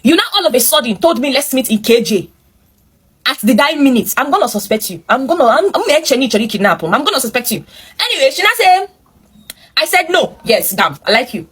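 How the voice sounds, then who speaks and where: With a high, sing-song voice that's fairly bright and slightly rough, this Nigerian-accented woman talks a little fast. She is a host reading a viewer's story and reacting throughout. Her delivery is animated and opinionated, full of asides spoken to the audience.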